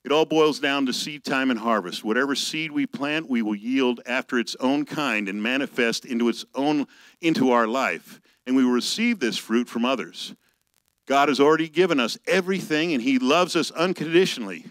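A male pastor giving a conversational sermon, reading scripture slowly and telling personal stories. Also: medium pitch, a bit bright, no room sound, rough recording.

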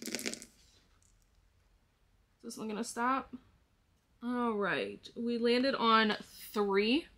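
A woman's voice: a little high, very slow, pauses often, a bit bright. A woman vlogging about her budget, explaining each step to viewers in a casual way and counting money aloud as she goes. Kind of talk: casual talk-through to the viewers.

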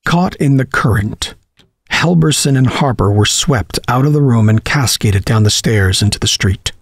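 A man narrating a horror story, reading in a measured, dramatic way. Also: medium pitch, expressive, no echo, studio quality.

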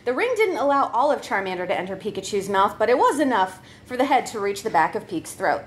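Reading a funny story aloud as a comedy troupe performer, a woman keeps dissolving into giggles and breaking up. She speaks fast in a sing-song, medium-pitched voice over slight background noise.

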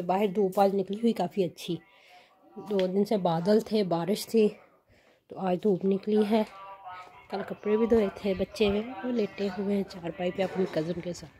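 A young mother vlogging at home, coaxing her babies in soft baby talk and calmly explaining their routine. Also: mid-range voice. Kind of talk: casual home vlog. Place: at home, indoors and in a sunny yard.

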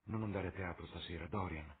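A man's voice: low-pitched, a little fast, slightly rough. A man doing a melancholy, earnest painter. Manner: subdued, pleading. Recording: tinny lo-fi with faint hiss.

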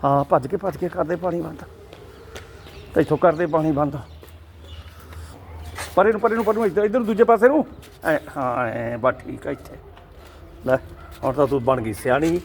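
A man's voice: a little high, normal speed, long pauses. An older man with an Indian Punjabi accent chatting casually with a small child, teasing and repeating his phrases. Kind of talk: casual home chat. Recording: faint background noise.

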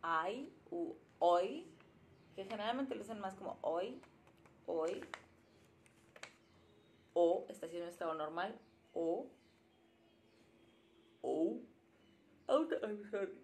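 A woman casually thinking aloud during a live study session, slowly sounding out letters as she writes them. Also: mid-range voice, expressive, warm tone. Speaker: language learner streaming her study sessions.

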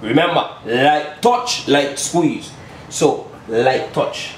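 Drawing out his words in a mid-range voice, the man chats playfully while showing a home recipe, his lines capped with "you check?" A camera mic some way off captures the small kitchen's roomy sound plus slight background noise.

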